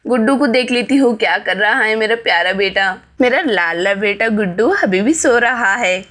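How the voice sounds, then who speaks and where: A woman voicing a cheerful young village daughter-in-law in a doll story, lively and welcoming. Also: a little high, moderate pace.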